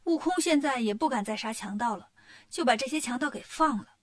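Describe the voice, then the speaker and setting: Higher-voiced woman telling a children's story. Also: fairly quick. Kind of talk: scripted story narration for children.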